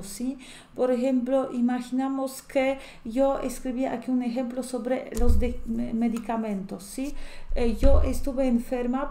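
A woman teaching grammar at an unhurried pace, her voice sitting a little high. She explains patiently and keeps checking that the listener is following. The room around her is echoey. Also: dark tone. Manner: explains patiently, often checks with a rising "¿sí?" or "¿no es cierto?". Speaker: language teacher. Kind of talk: grammar lesson.

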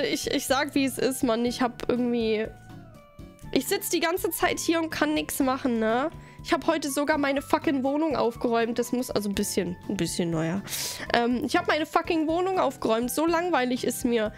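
A woman streamer chatting casually with her live audience, bubbly and giggly, rambling from one thing to the next. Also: high voice.

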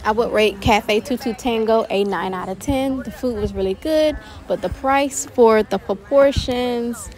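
A woman's voice: on the high side, measured pace, hardly any pauses, a little mellow, faint music behind. A young adult woman narrating a family travel vlog, chatty, reviewing a restaurant and its food. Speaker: family vlogger.

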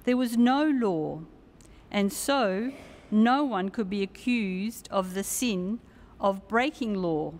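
An older woman reads scripture at a church lectern in a formal, solemn voice. Her pace is slow and deliberate, and a long cathedral-like echo trails her words. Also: medium pitch, lively intonation, a little mellow. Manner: measured, formal. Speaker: lector reading scripture. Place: brick-walled church, at lectern. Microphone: gooseneck lectern microphone.

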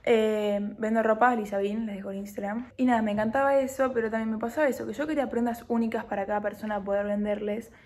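A woman's voice: on the high side, flat delivery, fast, few pauses, darkish tone. A young woman with an Argentine Spanish accent, chatting casually to camera in a vlog, self-deprecating and dropping English words into her talk. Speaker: vlogger.

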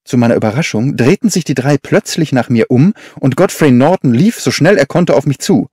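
A man narrating an audiobook as a lively, expressive storyteller, recorded close in a studio. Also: medium pitch, brisk, breathy edge, no echo. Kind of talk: scripted literary narration.

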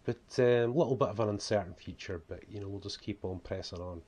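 Scottish guy in his 40s, broad accent, lowish voice, rambling casual vlog chat. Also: a little fast, mellow. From Scotland. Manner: rambling, frequent "you know". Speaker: vlogger and author. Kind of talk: unscripted casual talk to camera. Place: small home room, indoors.

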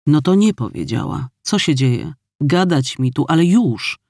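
A man reading an audiobook, voicing a hurt, quick-tempered young woman who speaks in an irritated, demanding way. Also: on the high side, lively intonation, vocal fry, darkish tone, dry recording, clean studio sound, heavily acted.

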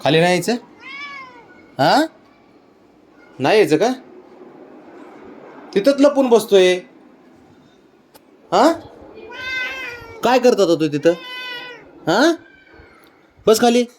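A man's voice: high-pitched, very animated, slow, long pauses, a little mellow, a little hiss or hum. A man chatting to his pet cat in a coaxing, teasing way, repeating questions and chuckling often. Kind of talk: casual baby-talk to a pet.

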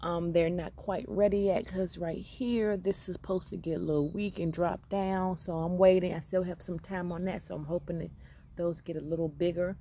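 A woman with a lowish, mellow voice walks through her outdoor container garden, filming on a phone held close. She chats in an upbeat, grateful way, pausing often and filling the gaps with little fillers. Faint outdoor ambience sits behind her. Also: steady tone, a little hiss or hum. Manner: upbeat and grateful, chatty with many pauses and fillers. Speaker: home gardener giving a garden tour. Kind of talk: casual walk-through narration. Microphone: phone camera held close while filming plants.

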